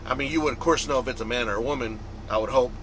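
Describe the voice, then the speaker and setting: Racing along in a medium-pitched, fairly bright voice, a US trucker vlogger rambles conversationally to viewers, repeating and returning to things. The recording is low quality, with a little background noise.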